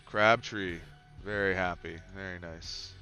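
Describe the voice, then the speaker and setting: Playing a football management game, this Canadian man sounds congested with a cold as he muses casually, then erupts in sudden excitement. He speaks unhurriedly in a low voice, with faint music behind him.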